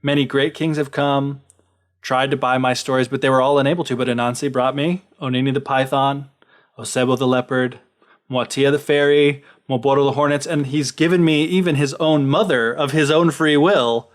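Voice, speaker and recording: A man's voice: mid-range voice, steady tone, normal speed, lightly acted. A man voicing a bewildered male sky god in a casual retelling of a folktale.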